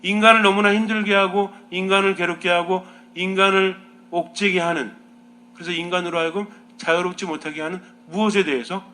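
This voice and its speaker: Bright-voiced priest preaching a homily. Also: male voice, high-pitched, brisk. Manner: asks the listeners many questions, lively teaching tone.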